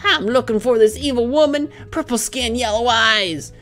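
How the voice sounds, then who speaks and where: A man's voice: extremely high pitch, normal speed, bright, forceful tone, soft background music, voice pushed up. A man voicing an earnest, aggrieved watermelon hero from a cartoon game, with plaintive delivery.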